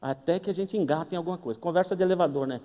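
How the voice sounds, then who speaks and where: A man's voice: high voice, rapid-fire, dark tone. A man from Brazil with a Brazilian Portuguese accent, preaching in a humorous, conversational way as he acts out the dialogue of a story. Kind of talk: sermon with storytelling. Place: church hall. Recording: long reverb of a church hall.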